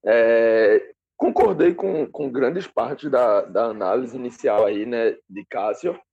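A man's voice: medium pitch, slow, gravelly, breathy edge. A man joining a football talk show remotely, greeting the hosts and listeners before giving tactical analysis. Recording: muffled lo-fi remote line.

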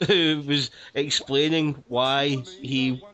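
A man's voice: mid-range voice, steady tone, very slow, fairly bright tone, lo-fi sound. A man from Glasgow with a Glaswegian accent, co-hosting a casual film commentary in a jokey, sweary way. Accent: Glaswegian Scottish. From Glasgow, Scotland.

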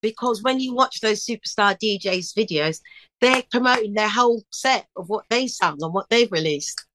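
Speaking at normal speed with a medium-pitched, fairly bright voice, a middle-aged woman who sings and DJs is the guest in a relaxed interview. She's cheerful and upbeat, recounting stories energetically, though the audio is poor and carries a little hiss or hum.

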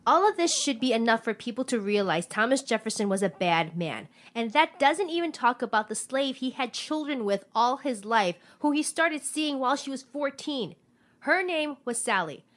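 Woman playing a schoolgirl of fourteen, high-pitched, blunt, indignant, speech-giving, comedy sketch. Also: sing-song, normal speed, a bit bright. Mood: indignant, declaiming. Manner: emphatic, outspoken. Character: indignant, blunt fourteen-year-old schoolgirl reading her history speech.

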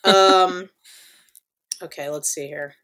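A woman's voice: fairly low pitch, steady tone, slow pace, a bit bright. A woman co-hosting a podcast in casual chat, rambling with lots of fillers and casual swearing. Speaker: podcast co-host.

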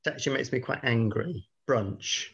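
An exasperated British man in casual, bickering podcast talk. His voice has a gravelly creak, and he is quick to swear and cut in. The sound is slightly dull. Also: medium pitch, fairly bright tone. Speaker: podcast host.

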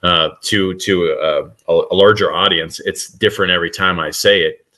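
A man's voice: sits low, steady tone, moderate pace, sharp tone. A middle-aged man, a guest author, talking earnestly in a casual podcast interview with frequent restarts.

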